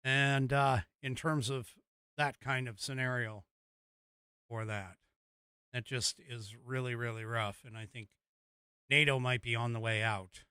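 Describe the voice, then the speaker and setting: An American man hosting a casual political commentary show, talking haltingly as he thinks aloud and reads out news. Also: mid-range voice, steady tone, pushed and bright, clean tone, dry recording, clean studio sound.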